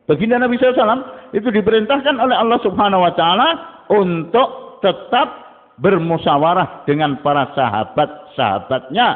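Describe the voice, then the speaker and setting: A man preaching a dawn sermon, jumping between high emphatic bursts and low asides. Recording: tinny phone-like sound with long hall reverb.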